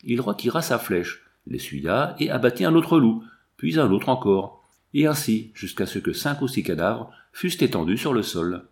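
Male audiobook reader, expressive, animated intonation. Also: medium pitch, normal speed. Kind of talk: scripted narration.

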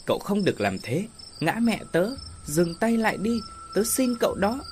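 A man voicing a frightened little girl who pleads in a high, childlike voice. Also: big pitch swings, measured pace, a little hiss or hum. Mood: pleading.

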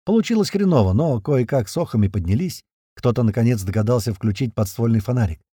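A man's voice: medium pitch, animated, fast, dark tone, slightly rough, no echo. A man narrating a first-person action audiobook in a terse, punchy, slangy manner.

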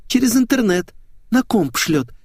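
A man's voice: high voice, sing-song, a little slow, darkish tone, dry recording, voice pushed up, full character voice. A man voicing a whiny, scheming young woman who fakes tears and pleads, in a dry studio audiobook reading. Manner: whining, pleading.

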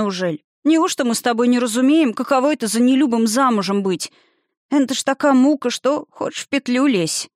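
A woman reading a feisty, sulky young village witch girl with a rustic dialect, voiced higher and indignant. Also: no room sound, studio quality, close to an everyday voice.

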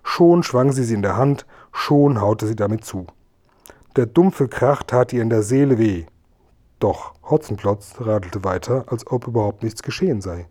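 A man calmly narrating a children's story as a scripted audiobook reading. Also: medium pitch, moderate pace.

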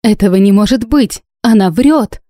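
A spiteful witch, put on by a woman reader shrieks accusations in a high, strained voice. Her tone is mellow underneath, the recording dry. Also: moderate pace, dry recording, close to an everyday voice. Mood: shrieking.

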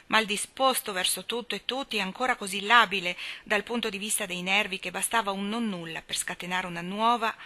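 A woman reading a novel aloud in a calm, even storytelling manner. Her tone is bright and forward, and it carries clearly. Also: medium pitch. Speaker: audiobook reader.

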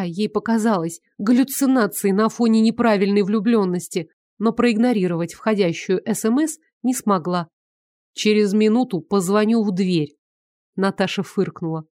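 A woman reads a contemporary novel aloud in a calm, measured way. Her voice sits in a mid pitch and is captured close on a studio mic, dry with no echo. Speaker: audiobook reader. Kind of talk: scripted narration.

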